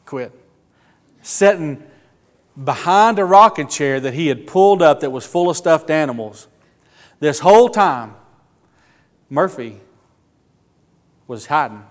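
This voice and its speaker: A man preaching a sermon, earnest and emotional, with slow emphatic phrasing. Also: on the high side, animated, long reverb tail.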